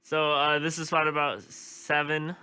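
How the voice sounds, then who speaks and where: A young man co-hosting a casual chat, joking and teasing his co-host with animated energy. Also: fairly high pitch, a little slow, clear, resonant tone, dry recording.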